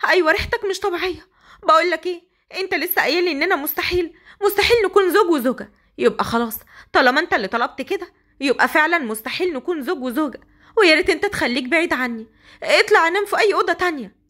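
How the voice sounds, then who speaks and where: Woman doing a frightened young bride, high-pitched. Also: lively intonation, a bit bright. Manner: high, pleading, rushed.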